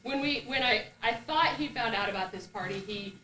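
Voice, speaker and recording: A woman's voice: fairly high pitch, moderate pace, a little hiss or hum. A woman hosting a party and giving a rambling, chatty toast, recorded on an old VHS home-video tape. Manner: rambling, chatty storytelling with restarts. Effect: old VHS home-video tape sound. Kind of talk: casual party talk and toast. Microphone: camcorder microphone. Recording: old VHS camcorder, echoey room, far off mic. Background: loud party crowd.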